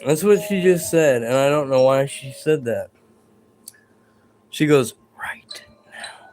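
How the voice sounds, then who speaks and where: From his bedroom, a man hosts a live paranormal stream, his medium-pitched voice a little slow and mellow, with faint music in the background. He chats in a rambling, hesitant way with his viewers and with the spirits he claims are nearby.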